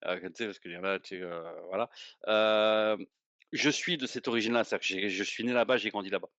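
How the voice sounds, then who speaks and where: A man with a low-pitched voice talks football in a loose, rambling way, hesitating and repeating himself. The sound is dull and muffled, like a remote call, and his voice sits dry and close. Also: fairly even intonation, fast talker, fairly bright tone, dry recording. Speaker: podcast co-host. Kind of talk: casual football chat.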